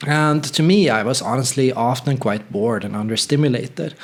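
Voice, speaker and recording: A man's voice: medium pitch, normal speed. A man from northern Sweden, telling a personal story in a candid, reflective, conversational way. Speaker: channel host.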